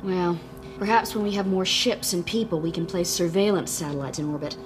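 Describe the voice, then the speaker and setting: Woman acting a lowish-voiced, formal rebel princess. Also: steady tone, background noise, close to an everyday voice. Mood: composed, concerned. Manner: formal, measured, questioning. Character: composed, concerned young rebel princess leader. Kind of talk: radio drama acting.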